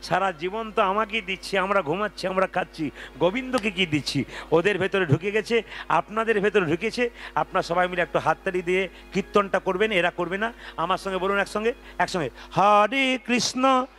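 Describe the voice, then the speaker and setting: A man preaching between devotional kirtan songs, energetic and urging the crowd to chant along. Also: high voice, brisk. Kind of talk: devotional kirtan with spoken sermon and call-and-response chanting. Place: large outdoor devotional gathering with crowd. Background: folk music with tabla.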